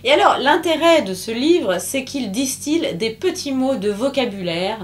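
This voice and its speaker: Chatty, somewhat high-voiced woman presenter. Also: animated, moderate pace. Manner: chatty, full of hesitations and filler sounds; laughs at her own jokes. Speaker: children's book presenter. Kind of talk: casual book demonstration.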